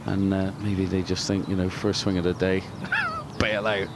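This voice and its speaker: Chatty low-voiced man commentating on golf. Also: fairly even intonation, normal speed, heavy background noise. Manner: chatty, colloquial, full of exclamations. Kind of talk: casual live golf commentary.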